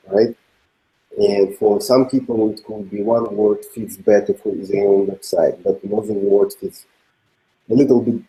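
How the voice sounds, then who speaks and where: Developer with a Russian accent, low dark voice, halting delivery. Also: male voice, rough recording. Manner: halting, many fillers and restarts. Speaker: developer presenting a feature. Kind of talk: casual meeting talk.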